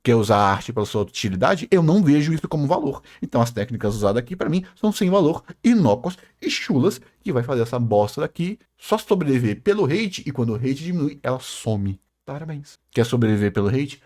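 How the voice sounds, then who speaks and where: A man ranting about what he is watching, sarcastic and emphatic, with frequent swearing. His pitch swings widely as he pushes his points, sitting at an average height for a man. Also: sing-song, brisk, hardly any pauses, a little mellow. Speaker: host reacting to a video. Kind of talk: heated critical rant.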